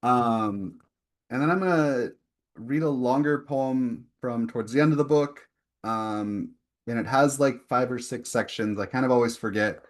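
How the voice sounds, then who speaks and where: A young man reads his own poems aloud at a poetry event, giving repeated lines slow, rising emphasis. Between the poems he chats casually and leans on fillers. His voice sits at an ordinary middle pitch. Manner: chatty, filler-heavy asides between poems. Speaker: poet reading his work. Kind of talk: poetry reading with casual asides.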